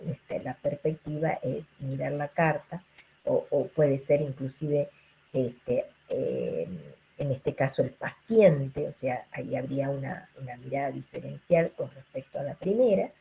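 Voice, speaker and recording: A woman's voice: extremely low pitch, measured pace, creaky, mellow, slight background noise, poor audio. A woman giving an online lecture to students over a video call. She keeps checking in with her listeners through rhetorical questions and fillers. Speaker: linguistics lecturer.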